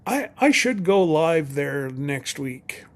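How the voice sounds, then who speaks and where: A man's voice: on the high side, sing-song, slow pace. A middle-aged man chatting casually on a live stream as co-host, rambling and folksy with many restarts.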